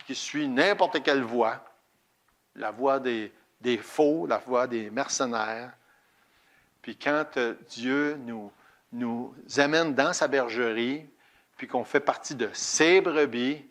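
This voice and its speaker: A man's voice: mid-range voice, fairly bright tone. A man preaching a sermon in a church, in a plain conversational way with fillers. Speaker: pastor.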